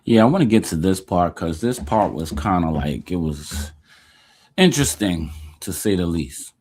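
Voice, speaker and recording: A man's voice: low voice, lively intonation, moderate pace, darkish tone, breathy edge. A man hosting a casual reaction commentary, talking in a loose, conversational and dismissive way. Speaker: host.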